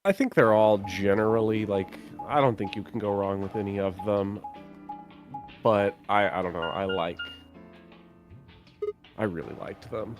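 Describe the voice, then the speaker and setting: A man's voice: fairly low pitch, a little slow, pauses often. A man chatting casually as a guest co-player on a game stream, rambling with frequent restarts. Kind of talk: casual let's-play chat. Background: game music.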